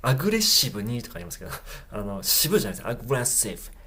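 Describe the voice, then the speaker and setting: A Japanese university English teacher gives a pronunciation lesson, slowly repeating English phrases and explaining them casually. The voice is mid-range and husky, with a sharp tone and big swings in pitch.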